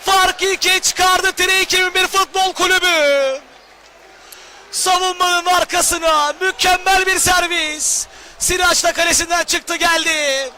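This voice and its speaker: A man giving live football commentary in a loud, excited delivery. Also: extremely high pitch, unhurried. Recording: loud crowd and noise behind. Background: noisy football crowd.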